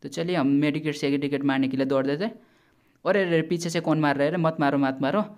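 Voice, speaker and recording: A man's voice: on the high side, fairly even intonation, fast. A man giving casual gameplay commentary as a gaming YouTuber, chatty and blunt, warning his viewers and swearing now and then. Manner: chatty, repeatedly addresses viewers as brother.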